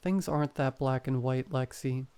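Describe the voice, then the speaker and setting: A man's voice: mid-range voice, normal speed, darkish tone, clean tone, natural voice. A man voicing a meek, pleading young boyfriend who is loyal to his monstrous family, in horror story dialogue. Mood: earnest, insistent.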